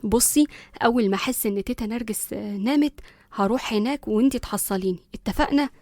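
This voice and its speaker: A woman's voice: a little high, fast, a little mellow, dry recording, clean studio sound. A woman voicing a rebellious, gossipy teenage granddaughter with an Egyptian accent. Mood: scheming. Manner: scheming, gossipy.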